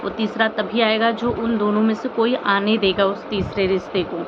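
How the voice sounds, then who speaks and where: Her voice medium-pitched and level, a woman vlogger speaks at a moderate pace about online family drama. She offers earnest opinions informally, pleading with her audience through repeated phrases and rhetorical questions. The sound is dull, with background noise.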